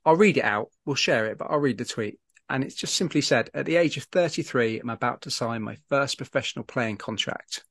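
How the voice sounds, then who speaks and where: A man's voice: mid-range voice, a little fast, a bit bright, no echo. A man hosting a podcast, introducing and questioning his guest in a conversational interview style. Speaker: podcast host.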